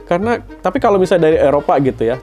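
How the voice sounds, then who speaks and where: Chatty man, slightly high voice. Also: big pitch swings, rapid-fire, a little mellow, soft background music. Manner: chatty, laughs often, uses slang. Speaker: podcast co-host. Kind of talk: casual chat.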